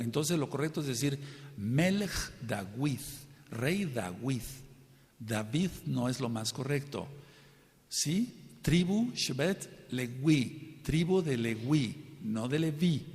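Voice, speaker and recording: A man preaching a teaching sermon to a congregation, stressing and repeating key points and asking his listeners questions. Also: medium pitch. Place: congregation hall. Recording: long hall reverb.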